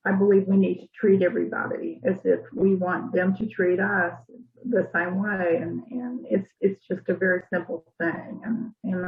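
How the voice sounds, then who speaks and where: A woman from Arkansas telling stories from her life in an interview, in a thoughtful, unhurried way. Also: lowish voice, creaky. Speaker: interviewee, church member. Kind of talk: casual storytelling interview. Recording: tinny phone-like line.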